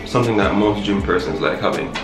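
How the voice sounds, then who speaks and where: A man's voice: fairly low pitch, quick pace, echoey room, over music. A young man with a Caribbean accent chats casually and slangily to his viewers, vlogging from a gym locker room. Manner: slangy, conversational. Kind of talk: casual vlog chat to viewers.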